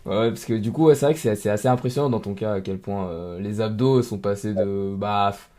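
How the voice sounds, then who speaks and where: A man's voice: lowish voice, a little fast, mellow. A young man, a coach, interviewing a client in casual, slangy chat. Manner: informal, slangy.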